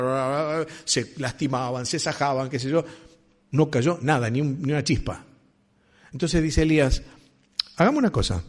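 Husky Rioplatense preacher. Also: male voice, medium pitch. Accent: Rioplatense Spanish. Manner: conversational, asks the congregation questions. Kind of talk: sermon.

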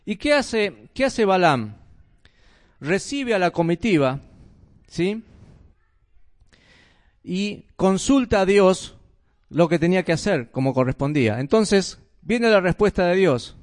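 A man's voice: high-pitched, expressive, slow, pauses often. A man with a Rioplatense Spanish accent preaching a sermon in a conversational way, asking his listeners rhetorical questions.

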